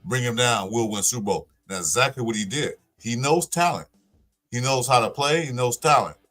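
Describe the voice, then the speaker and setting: A man's voice: mid-range voice, normal speed, a bit bright, soft background music. A man in his sixties on a casual podcast panel, speaking bluntly in short punchy sentences. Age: 60s.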